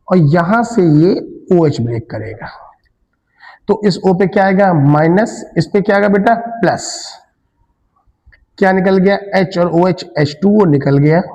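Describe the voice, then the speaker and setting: A man's voice: high voice, slow, pauses often, a little mellow, in a large hall, muffled recording. A male chemistry teacher giving a classroom lecture. He mixes Hindi with English terms and keeps asking students questions, then answers them himself.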